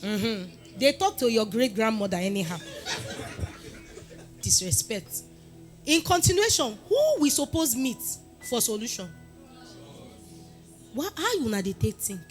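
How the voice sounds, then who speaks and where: A woman's voice: on the high side, unhurried, long pauses. Woman, Nigerian accent, motivational speaker, emphatic, faint background music. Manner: animated, bursts into loud emphatic peaks. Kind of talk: lively motivational talk in Pidgin and English.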